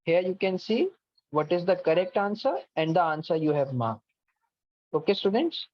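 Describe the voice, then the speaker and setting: A man whose voice sits high and sounds expressive talks at a moderate pace, giving students patient step-by-step directions through an online class platform and often saying "okay." The video call mic yields dull, lo-fi, dry audio.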